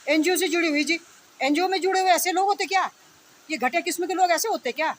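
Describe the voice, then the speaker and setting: A woman's voice: very high voice, fast. A woman delivering an unscripted, indignant rant, scolding and confronting her opponents with repeated phrases and rhetorical questions. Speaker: online video commentator. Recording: steady background noise.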